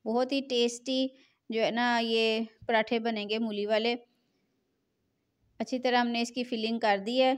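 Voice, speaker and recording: A woman's voice: on the high side, level tone, a little slow, pauses often, clean tone. A middle-aged woman, hosting a home cooking tutorial in a chatty, repetitive voice-over. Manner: chatty, repeats filler phrase "jo hai na". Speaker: cooking channel host.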